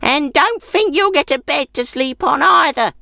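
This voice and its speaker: A woman's voice: high voice, animated, moderate pace, vocal fry, pushed and bright, no room sound, clean studio sound, pitched above the performer's own voice, heavily acted. A woman voicing a grumpy old woman who speaks sourly and scornfully. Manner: snorting, scornful.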